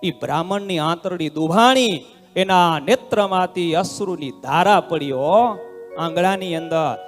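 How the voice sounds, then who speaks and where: Man, swami, devotional story sermon, high voice, dramatic loud-to-hushed delivery, long hall echo, faint music behind. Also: unhurried. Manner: dramatic delivery, swinging between loud exclamations and hushed lines. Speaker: swami giving a religious discourse.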